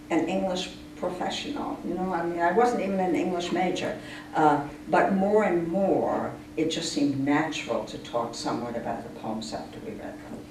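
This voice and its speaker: In a casual interview, the head of a poetry reading group explains things with sincerity, in a mid-range voice with a darkish tone. The sound is distant and echoey, with noise clearly audible.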